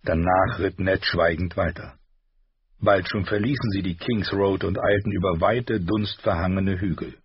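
A man reading a fantasy audiobook with expressive storytelling. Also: low-pitched, moderate pace, breathy edge, no echo, highs cut off. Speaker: audiobook narrator. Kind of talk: scripted fantasy audiobook narration.

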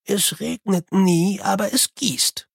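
The reader voicing an old sweeper monk with a wise, quiet temper, speaking slowly and softly in an audiobook. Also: mid-range voice, steady tone, vocal fry, slightly rough, no room sound, studio quality, pitched above the performer's own voice, heavily acted. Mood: calm.

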